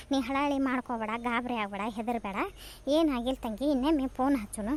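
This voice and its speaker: A woman's voice: a little high, a little hiss or hum, lightly acted. A woman voicing a chattering village mother-in-law. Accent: North Karnataka Kannada. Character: fussy older village mother-in-law, soothing and talkative. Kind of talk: cartoon voice acting.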